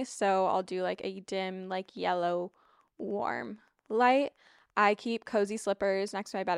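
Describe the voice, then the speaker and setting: Young woman with crackly vocal fry. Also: mid-range voice, no room sound, clean studio sound. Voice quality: vocal fry, slight rasp. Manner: informal, frequent asides and digressions. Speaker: lifestyle vlogger. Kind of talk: casual, chatty spoken routine rundown. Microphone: close microphone, wearing wired headphones.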